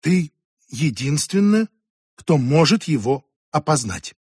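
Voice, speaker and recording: A man's voice: a little high, big pitch swings, slow, a little mellow, slightly rough, dry recording, clean studio sound, heavily acted. A man voicing a stern, weary female army captain who speaks in a curt, commanding way with polite pressure. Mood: gentle.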